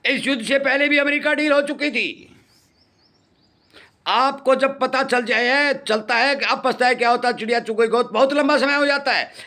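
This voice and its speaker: A man's voice: very high-pitched, moderate pace, bright, forceful tone. A middle-aged man, hosting a farming channel and warning farmers in earnest, repeating his points for emphasis. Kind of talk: impassioned commentary to farmers.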